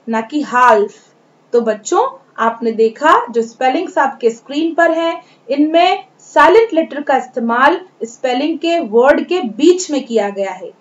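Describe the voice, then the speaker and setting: A woman teacher with an Indian accent giving a pronunciation lesson to children, spelling out each word letter by letter and repeating it. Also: sits high. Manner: slow, spells words letter by letter and repeats them. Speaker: English teacher. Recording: dull lo-fi recording.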